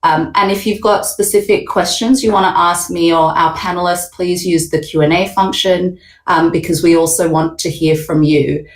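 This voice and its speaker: A woman with an Australian accent hosting a casual online panel talk, relaxed and full of little hesitations. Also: on the low side, moderate pace, roomy sound, poor audio. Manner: relaxed, hesitant with many fillers. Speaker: panel host.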